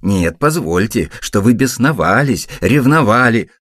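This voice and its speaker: Young male nephew, earnest and touchy, pitched up and very lively, as a male reader puts him on. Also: a little slow, no echo, studio quality. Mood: insistent. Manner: pleading, insistent.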